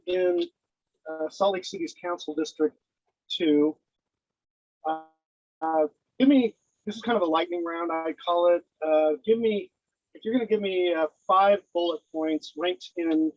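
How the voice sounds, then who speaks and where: A man's voice: sits high, a little mellow, no echo, dull audio. A man moderating a candidate forum, talking loosely with many restarts. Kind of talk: casual moderating.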